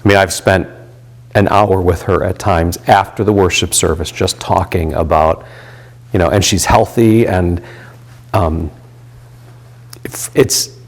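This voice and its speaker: A man in his late fifties with a deep, low voice talks through his volunteer ministry work. He speaks in a loose, rambling way, full of "um"s and restarted sentences. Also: unhurried, pauses often. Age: 50s. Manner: rambling, many fillers and restarts. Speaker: volunteer chaplain and pastor. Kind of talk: reflective interview talk.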